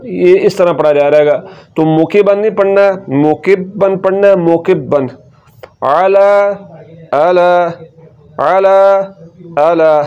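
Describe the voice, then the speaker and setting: A man teaching Quran recitation rules, reciting each word slowly and repeatedly before explaining it in a quick, instructive way. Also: a little high, a little mellow, clear, resonant tone, muffled recording. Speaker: tajweed teacher.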